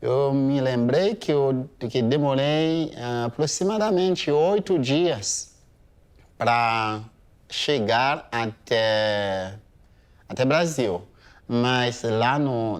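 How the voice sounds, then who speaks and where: A man in his thirties from Haiti giving a hesitant museum testimony, pausing often with fillers. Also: mid-range voice. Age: 30s. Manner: slow, hesitant, many pauses and fillers. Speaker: interviewee.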